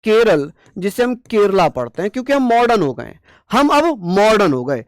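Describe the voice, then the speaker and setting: Dry-voiced teacher drilling with call-and-response. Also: male voice, sits high, sing-song, normal speed, clean tone, dry recording. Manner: repeats questions and answers them himself in a call-and-response way; playful, jokey mnemonics with scolding asides. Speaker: exam-prep teacher. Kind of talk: online coaching class lesson.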